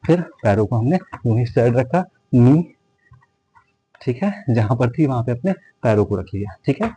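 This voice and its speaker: A man's voice: medium pitch, lively intonation, moderate pace, dark tone, husky, poor audio. A man teaching yoga, counting breaths and reassuring his viewers to go easy and rest when tired. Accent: Hindi. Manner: addresses viewers as friends repeatedly, counts breaths; reassuring, tells listeners to rest and not strain. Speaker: yoga instructor. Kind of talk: guided yoga class instruction.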